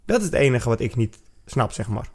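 Male podcast co-host, middle pitch, chatty rambling storyteller. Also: very animated, a little fast, darkish tone. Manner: rambling storyteller, restarts and acts out quotes. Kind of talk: casual podcast chat.

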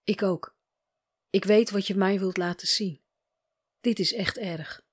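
A weary, guarded woman in an audio story, talking quietly and haltingly as she opens up to a counsellor, read by a woman narrator in her own voice. Her pitch sits in an ordinary middle range, and her tone is resigned rather than dramatic. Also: fairly even intonation, breathy edge.

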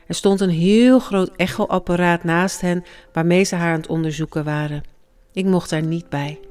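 A hushed, reflective memoir narrator. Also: medium pitch. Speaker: grieving parent narrating. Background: faint music.

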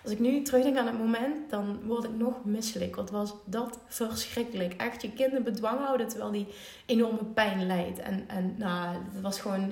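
Dutch mom in her 30s telling a family story, gravelly voice, emotional, does the voices, echoey room. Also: fairly high pitch. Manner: emotional, animated retelling with quoted voices. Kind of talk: casual storytelling.

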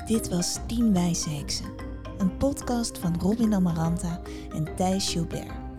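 Expressive woman reading a fairy tale. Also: lowish voice, over music. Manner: expressive, slowing and hushing for tense moments. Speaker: storyteller. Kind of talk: podcast fairy-tale narration.

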